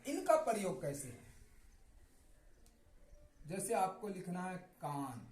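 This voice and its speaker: A man with a high, animated voice walks learners through letters and how they join into words. He talks slowly and patiently and says every example word again and again. His voice bounces around an echoey room. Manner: slow, repeats each word to drill it. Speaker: Hindi reading teacher. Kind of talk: classroom-style explanation.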